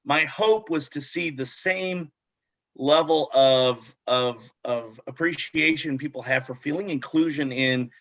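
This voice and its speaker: A man's voice: fairly high pitch, unhurried, a bit bright. A man answering a panel question thoughtfully and earnestly, with frequent fillers. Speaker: club founder. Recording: muffled dry online audio.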